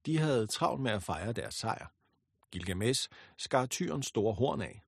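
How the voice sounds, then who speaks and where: Husky male storybook narrator. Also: fairly low pitch, animated, dry recording, studio quality.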